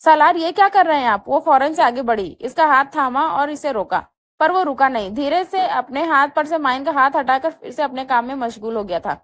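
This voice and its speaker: High-voiced woman reading a novel aloud. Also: fairly bright tone, no echo. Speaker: novel reader and channel host.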